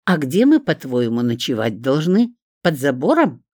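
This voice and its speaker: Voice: medium pitch, very animated, moderate pace, darkish tone, husky, dry recording, clean studio sound. A reader voicing Lariska, a pushy, indignant woman who screeches and picks fights in an audiobook. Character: shrill scandalous middle-aged woman, pushy sister.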